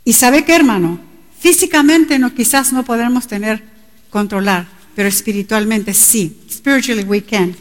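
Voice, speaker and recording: A woman's voice: a little high, moderate pace. A middle-aged woman preaching a sermon with passion, her voice climbing to cries at times. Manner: impassioned, rising to cries at times. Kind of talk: bilingual sermon. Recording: long reverb in a large hall.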